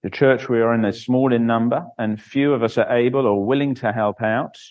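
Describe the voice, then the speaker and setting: A man's voice: mid-range voice, fairly even intonation, brisk, darkish tone. A man reading scripture and preaching a sermon, with frequent "uh" fillers and stumbles over names.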